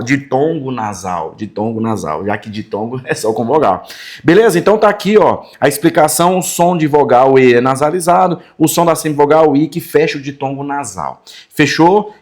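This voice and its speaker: A man with a Brazilian Portuguese accent teaching a grammar lesson, sounding out words slowly and checking in with students every few phrases. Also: fairly high pitch, darkish tone. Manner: friendly, checks in often with quick tags like "fechou?" and "tá?"; sounds out words slowly and repeats them for emphasis.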